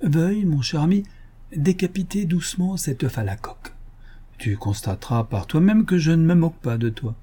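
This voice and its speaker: A man voicing a suave, mocking gentleman burglar in an audiobook, ironic and self-assured, with a mellow, husky voice. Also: fairly high pitch, lively intonation, moderate pace, pitched above the performer's own voice.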